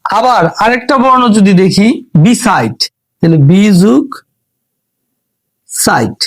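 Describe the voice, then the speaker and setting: Bangladeshi guy teaching reading, fairly high voice, slow and patient, spells everything out. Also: animated. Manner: patient, repeats and spells out syllables slowly. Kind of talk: step-by-step spoken lesson.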